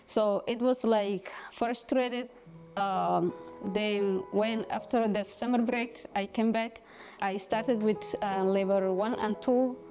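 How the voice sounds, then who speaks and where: Woman, mellow dark tone, halting, lots of likes and uhs. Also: medium pitch, steady tone, faint music behind. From Somalia. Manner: halting, simple phrasing, many fillers. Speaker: former student. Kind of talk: personal testimonial.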